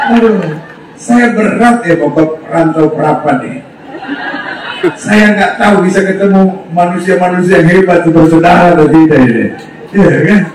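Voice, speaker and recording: High-voiced man preaching with heavy echo. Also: far from the mic, background noise. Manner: loud call-and-response preaching, often shouting. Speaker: pastor. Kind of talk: revival sermon to a crowd. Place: open-air stage. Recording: very echoey open-air PA, from afar.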